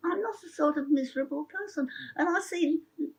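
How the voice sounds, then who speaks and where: A woman's voice: high-pitched, a little fast, a little mellow, low-quality recording. An older woman telling her own story in an interview, chatty and heartfelt, rambling with many restarts. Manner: emotional and heartfelt.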